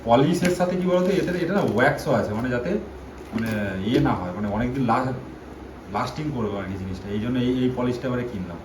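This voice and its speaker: A man's voice: mid-range voice, quick pace. A man casually explaining the car care products he bought, hesitant and full of fillers. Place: home indoors. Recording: echoey room with noise.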